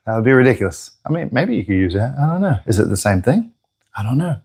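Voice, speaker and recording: A man's voice: mid-range voice, sing-song, a little fast, slightly rough. A man hosting a live airbrush painting stream, chatting casually and joking with viewers, slightly out of breath.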